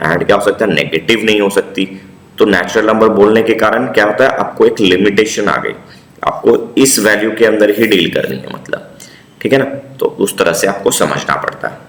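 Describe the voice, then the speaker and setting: A man with an Indian English accent teaches maths, coaxing his students along and checking often that they follow. His voice sits very low. The recording has a noticeable room echo. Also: normal speed, creaky. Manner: coaxing, repeats tag questions to students. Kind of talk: classroom maths lesson. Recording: echoey room.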